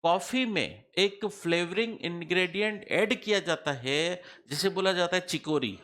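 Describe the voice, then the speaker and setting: A middle-aged man lecturing a class on tax law, in a high-pitched voice. His tone is bright and forceful, and he keeps repeating the key percentages. He throws quick questions at his students to check they are following. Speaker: tax teacher.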